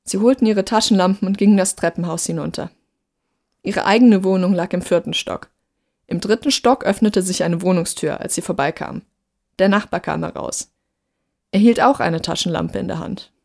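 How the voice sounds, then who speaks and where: Woman reading a story out loud, slightly low voice, steady and even. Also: moderate pace, vocal fry. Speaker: narrator. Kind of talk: scripted story narration.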